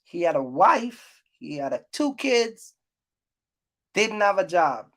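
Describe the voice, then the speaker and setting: In a lowish, fairly bright, sing-song voice, a female YouTube host takes her time ranting about trucking business advice. The talk is unscripted and blunt, with repeated points delivered in a scolding way.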